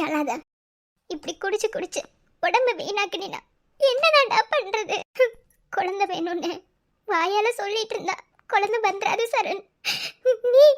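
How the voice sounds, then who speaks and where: A woman voicing a young, affectionate cartoon wife who soothes and coaxes her husband. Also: extremely high pitch. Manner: soothing, coaxing tone. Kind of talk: cartoon voice acting.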